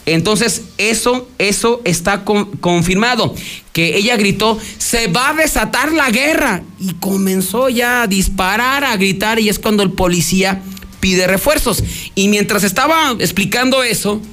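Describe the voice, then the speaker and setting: A man's voice: high-pitched, unhurried, a bit bright. A man with a Mexican Spanish accent hosting news radio, retelling a court hearing in a rambling conversational way, acting out the quotes. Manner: rambling, frequent restarts, acts out quotes.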